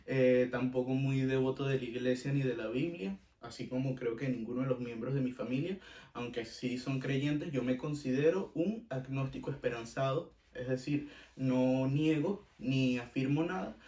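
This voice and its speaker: A man's voice: medium pitch, dark tone, roomy sound, distant mic. A man with a Venezuelan accent hosting a casual podcast, giving blunt opinions and repeating himself for emphasis. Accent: Venezuelan Spanish. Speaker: podcast host.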